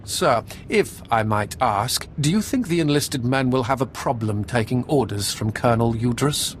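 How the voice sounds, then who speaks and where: An actor playing an earnest, deferential military commander in a video game, polite and formal. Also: male voice, medium pitch, expressive, normal speed, a little hiss or hum, natural voice.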